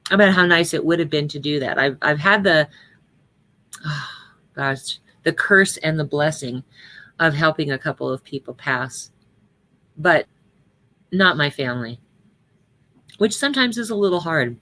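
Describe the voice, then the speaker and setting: A woman's voice: low voice, measured pace, pauses often, sharp tone. A middle-aged woman reading a personal story aloud at a memorial service, with earnest storytelling that lightly acts out the dialogue, then reflecting on it.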